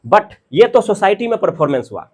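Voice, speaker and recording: A man teaching a class, reading English passages slowly and explaining them in Hindi with everyday examples, with an Indian English accent. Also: high-pitched, big pitch swings, husky.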